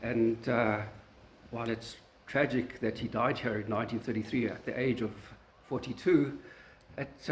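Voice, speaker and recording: South African man lecturing, halting. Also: mid-range voice, a little hiss or hum. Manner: halting, many fillers and restarts. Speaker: guest lecturer. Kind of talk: academic lecture. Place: university meeting room. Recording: echoey lecture room recording.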